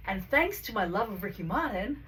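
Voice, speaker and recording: A woman's voice: mid-range voice, big pitch swings, a little fast, sharp tone. Australian woman podcast host, effusive, filler-heavy; recorded off-mic with light background noise. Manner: gushing, rambling, heavy on fillers. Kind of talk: casual chat, guest introduction. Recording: distant mic, faint noise.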